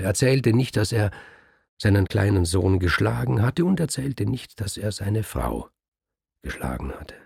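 A man reading a literary story aloud in a slow, measured, solemn way. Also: on the low side, vocal fry, a little mellow, breathy edge, no echo, studio quality.

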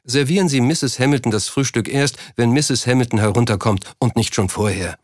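A man's voice: mid-range voice, fairly quick, no echo, studio quality, natural voice. A man reading an audiobook, voicing a proud, driven businessman who speaks curtly and a little irritably. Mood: irritated. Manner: curt, slightly irritated. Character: proud driven businessman, middle-aged, terse. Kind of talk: audiobook character voice.

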